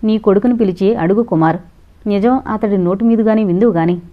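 A woman's voice: medium pitch, fairly quick, lightly acted. Woman reading anguished middle-aged father. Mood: accusing. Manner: anguished, earnest pleading. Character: middle-aged father, principal, grieving and pleading. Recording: dull lo-fi recording.

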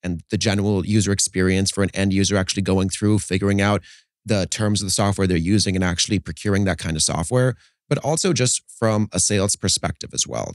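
Wearing headphones at a boom-arm studio mic, a man in his thirties co-founded a startup and now explains it fluently in an interview, frequently adding "right?" His deep voice is slightly worn from a hectic conference. The indoor conference podcast set gives clean studio sound with no echo.

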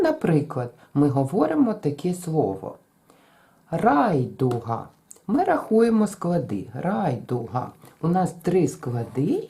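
A woman's voice: low-pitched, warm tone. A woman music teacher giving a children's lesson, patiently chanting words syllable by syllable. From Ukraine.

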